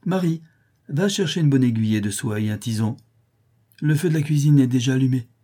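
A man reading a storybook, voicing an older aunt who scolds briskly and shrewdly. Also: mid-range voice, mellow, voice pushed up, lightly acted. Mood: scolding.

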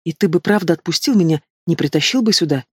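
A man's voice: fairly high pitch, expressive, fast talker, slightly rough, dry recording, clean studio sound. Man reading a frightened captive young woman. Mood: pleading. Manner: pleading, tearful.

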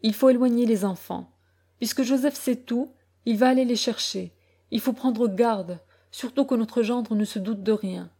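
A woman voicing an anxious, sharp-tongued middle-aged mother who talks in an urgent, scolding way. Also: medium pitch, moderate pace, close to an everyday voice.

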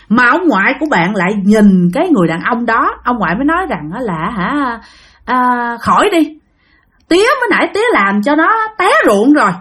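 Husky woman telling a ghost story. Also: fairly high pitch. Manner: chatty, addresses listeners directly. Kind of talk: casual ghost-story narration.

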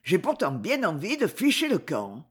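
Reader playing a restless young man reporter for an audiobook, husky edge. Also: medium pitch, wildly swooping pitch, moderate pace. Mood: weary. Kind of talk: audiobook dialogue.

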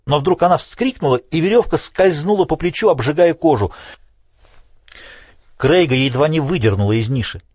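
A man narrating an audiobook with a steady, dramatic reading. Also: a little high, moderate pace, husky, no room sound, studio quality.

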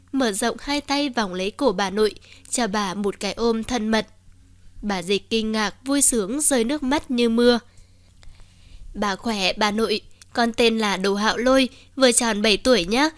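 A woman narrating a romance novel as an audiobook, reading every character's lines in much the same even voice. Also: fairly high pitch, no echo.

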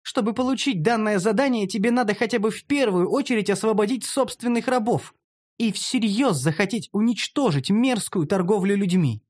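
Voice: medium pitch, normal speed, a little mellow, pitched above the performer's own voice, close to an everyday voice. A narrator voicing a bold, mocking young female elf in an audiobook, talking brashly and teasingly. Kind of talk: audiobook character voice.

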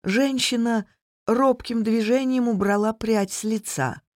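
An audiobook reader narrates from a script in a mid-range voice, slow and measured. The recording is dry and studio-clean.

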